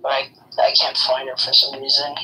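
A woman's voice: very deep voice, monotone, normal speed, bright, forceful tone. A woman bossing other players around in casual voice chat during an online game, making mock threats. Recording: distant mic with faint noise.

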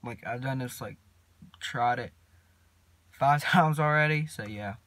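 A teenage boy, rambling casually to his phone camera from inside a parked truck, mumbling in a laid-back drawl with long pauses. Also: mid-range voice, background noise. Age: teens. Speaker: vlogger. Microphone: phone camera at arm's length.

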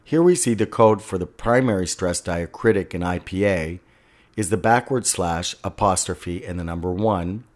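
A man with a very low voice walks through a software tutorial one step at a time. He speaks as an instructor over a screen recording, giving plain, steady directions. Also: moderate pace.

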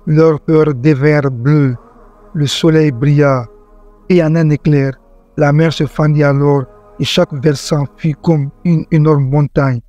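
A man tells a religious story in a measured, earnest scripted narration, his voice sitting a little high for a man yet mellow and warm. Quiet music plays softly behind him. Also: steady tone, highs cut off. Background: faint background music.

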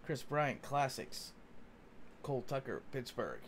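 Opening cards at an indoor table strewn with them, a man keeps up relaxed, chatty patter for his sports card break, like he's talking with buddies. His mid-range voice has a sing-song lilt and a slightly slow pace, and there's a bit of hiss or hum.

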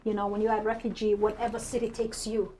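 Speaking quickly and flatly, this Somali-accented woman in her forties fields interview questions as a city council candidate, seated at a desk in a TV studio. Her mid-range voice has a dark tone. Audio quality is poor, and background noise is clearly audible.

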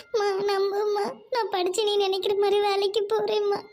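A woman's voice: very high-pitched, level tone, moderate pace, a little mellow. A young woman playing a college girl in love, pleading tearfully with her mother. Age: young adult. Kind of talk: amateur audio drama.

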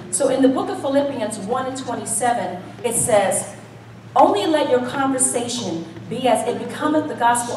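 The echoey hall, distant mic and murmuring audience leave a noisy background behind this a-little-high female voice. She is a middle-aged American preaching an animated, conversational call-and-response sermon, folksy and emphatic, straight to the congregation from an indoor church stage.

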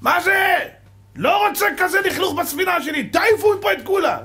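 A man playing an arrogant ship owner who shouts orders in a shrill, furious voice. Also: animated, full character voice.

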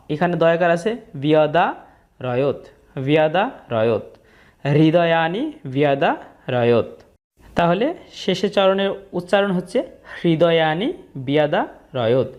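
A woman teaching the pronunciation of Sanskrit verses, speaking slowly and deliberately and chanting each verse. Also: on the low side, darkish tone. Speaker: scripture teacher.

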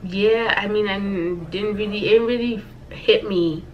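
The audio is dull with slight background noise as an American woman in her thirties talks at a measured pace, her medium-pitched voice fairly even in intonation. She's vlogging a casual, chatty life update to camera, playfully repeating phrases for emphasis.

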